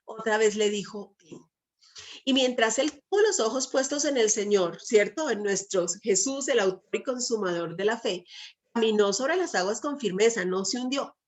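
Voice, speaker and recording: A woman with a slightly high voice delivers a sermon, often pausing to ask her listeners questions. She leans on rhetorical checks and quoted scripture, coaxing the congregation along. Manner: asks the audience frequent rhetorical questions. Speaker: preacher.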